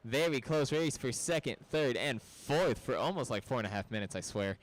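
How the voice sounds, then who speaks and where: A man announcing a live race at an indoor RC raceway, briskly calling drivers and reading out results. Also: medium pitch, expressive, low-quality recording.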